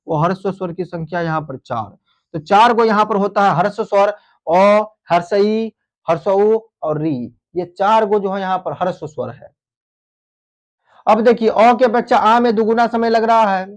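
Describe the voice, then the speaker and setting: A man teaches a grammar lesson. He drills exam points, repeating key phrases again and again, and keeps calling his students dear friends. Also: sits high.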